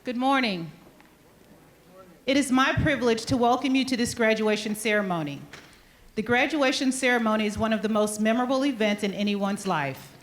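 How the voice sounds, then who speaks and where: A woman principal giving a measured, formal podium speech, reading a scripted ceremonial welcome. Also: medium pitch. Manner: formal, measured address to an assembly. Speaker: high school principal.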